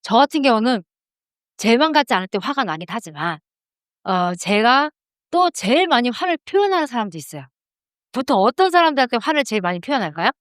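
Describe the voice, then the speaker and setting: A woman's voice: on the high side, big pitch swings, a little fast, no room sound, studio quality. A woman teaching a class on anger and meditation to a live group, asking questions and then guiding them with eyes closed. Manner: asks the audience questions and answers them. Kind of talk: lecture leading into guided meditation. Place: room with a live audience.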